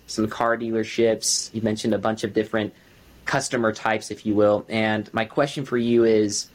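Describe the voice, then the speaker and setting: Male interview host, low voice. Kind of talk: casual interview.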